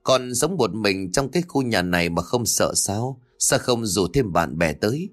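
A man's voice: lowish voice, expressive, moderate pace, soft background music, natural voice. A man voicing a nosy older woman who sells drinks by the road, asking prying questions.

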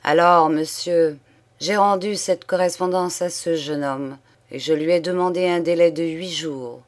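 A woman's voice: on the low side, steady tone, lightly acted. A woman reading a dignified young viscount. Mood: earnest. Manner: clear, measured, composed. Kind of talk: audiobook character reading.

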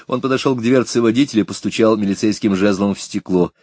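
A man narrating an audiobook in an expressive reading style. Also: fairly low pitch, quick pace, dry recording, clean studio sound. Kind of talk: scripted narration.

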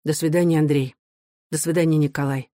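A reader doing a calm young worker. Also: mid-range voice, fairly quick, no room sound, clean studio sound, close to an everyday voice. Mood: quiet restraint. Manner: quiet, restrained. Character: young male worker, calm and sullen son.

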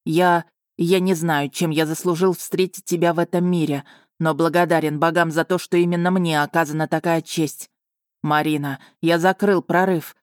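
A woman voicing an overjoyed, overwrought male dragon in an audiobook, speaking a little lower and with earnest warmth. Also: fairly even intonation, normal speed, no room sound, studio quality, natural voice. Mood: ecstatic.

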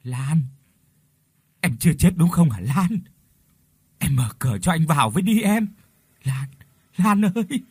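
A crazed village man in an audio story, howling threats and then begging in a high, cracking voice, as a male narrator puts him on. The voice is husky and swings wildly up and down. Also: animated, a little slow, long pauses, dry recording, studio quality. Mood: pleading. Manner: shouting threats, then pleading in a high strained voice. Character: crazed middle-aged village man, grieving, violent.

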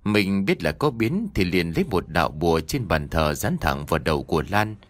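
A man narrating a horror audio story in an expressive, storytelling manner. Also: low voice, moderate pace, no echo, clean studio sound.

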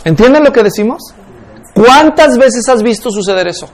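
A man's voice: extremely high pitch, lively intonation, moderate pace. A man teaching a class in a lecture on spiritual life, constantly questioning his students. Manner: keeps asking the class questions.

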